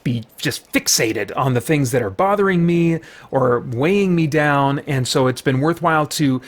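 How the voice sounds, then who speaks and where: A man with a slightly high voice at a moderate pace runs a gaming and faith channel, offering relaxed gameplay commentary alongside devotional talk. He chats to himself as he plays, as though thinking out loud.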